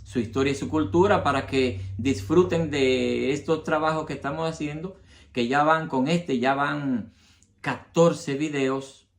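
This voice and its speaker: A man's voice: fairly high pitch, measured pace. A man hosts a history channel. He talks straight to his viewers and lays out each point with examples. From Dominican Republic. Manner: addresses the audience directly, explains with examples. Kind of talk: explanatory talk to viewers.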